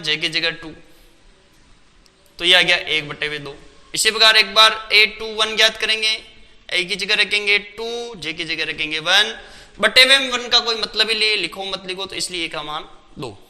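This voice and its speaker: A man's voice: sits high, normal speed, sharp tone, in a large hall. A man teaching a maths lesson step by step, asking questions and answering them himself.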